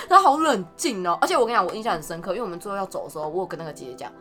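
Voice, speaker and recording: A young Taiwanese woman joins her sister's podcast, chiming in with teasing remarks at breakneck speed. Her Taiwanese Mandarin is a touch high and bouncy in pitch, and a music bed plays clearly beneath her voice. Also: very animated, a bit bright. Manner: teasing, quick interjections. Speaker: guest, host's sister. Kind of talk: casual chat. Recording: talk with music bed underneath.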